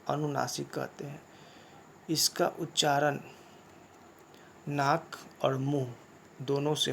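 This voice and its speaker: Slow, gravelly male Hindi teacher. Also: a little high, fairly bright tone, a little hiss or hum. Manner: slow, repetitive explaining with rhetorical questions. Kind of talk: classroom lesson.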